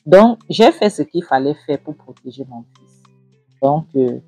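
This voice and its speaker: A woman doing a scheming mother who talks down to her daughter in a low, husky voice, insistent and unbending. The sound is dry and close, with faint music underneath. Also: animated, unhurried, mellow, no echo, heavily acted. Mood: smug. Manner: scolding, insistent. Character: scolding middle-aged mother, stubborn and scheming.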